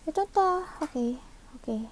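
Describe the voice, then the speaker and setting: Speaking at a moderate pace into her own mic, this Filipina tarot reader has a high, lively voice. She reasons out loud during the live reading, drops English words into Tagalog, and keeps asking brief tag questions so listeners will agree with her.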